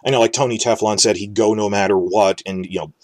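A man's voice: fairly low pitch, fairly even intonation, fast, a little mellow, no echo. A man from the New York area giving casual solo commentary, rambling and speculative, often restarting his words. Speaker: fantasy TV commentator.

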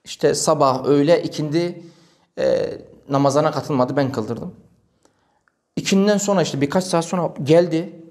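A man's voice: on the high side, moderate pace. A male preacher telling a story in a religious talk, acting out the dialogue. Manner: animated, acts out quoted dialogue.

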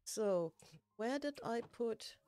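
Woman streamer, slow and chatty, slightly high, dry close sound, soft music behind. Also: lively intonation, smooth, no echo. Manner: chatty, self-mocking, laughs often. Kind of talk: casual gameplay chat.

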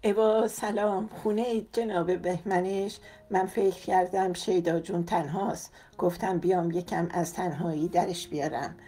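A woman's voice: on the low side, fairly even intonation, mellow, natural voice. A woman voicing a flirtatious middle-aged neighbor woman, coy and sugary, in an audiobook. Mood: flirty. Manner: coquettish, sugary.

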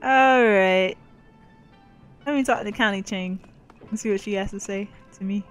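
A woman with a mid-pitched voice reads a role-playing game's text aloud for her channel, voicing narration and characters alike. She drops playful asides between the lines. Faint game music plays quietly underneath. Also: normal speed, low-quality recording. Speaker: gaming YouTuber reading game dialogue aloud. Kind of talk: let's play commentary and reading.

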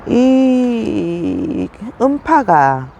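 A woman's voice: huge pitch swings, very slow, creaky, warm tone, lo-fi sound, a little hiss or hum. A woman casually narrating a tour of her succulents, chatty and exclaiming over them. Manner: chatty, exclaims over her plants with sudden high gasps. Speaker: succulent plant vlogger.

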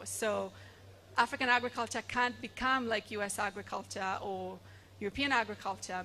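A woman speaking as a panelist at a conference, explaining points in a measured way with occasional fillers, on a handheld microphone. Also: medium pitch, sharp tone, a little hiss or hum. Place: large conference hall stage.

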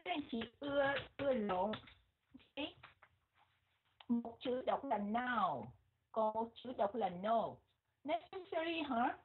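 A woman teacher with a Vietnamese accent models English words one at a time, speaking slowly and carefully. Her voice is a little husky and higher than most. The recording is muffled and narrow, like a phone line.

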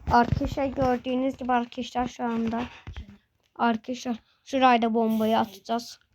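A young gaming host gives excited live commentary while playing, repeating the same phrases over and over and shouting urgent commands at the screen. The voice is medium-pitched and brisk, and the rough recording carries slight background noise.

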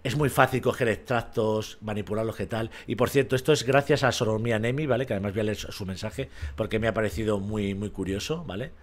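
This livestreamer from Spain speaks in a fairly low voice, fairly quickly and barely pausing. His rant is blunt, profane and confrontational, and he keeps turning to his audience to ask if they agree.

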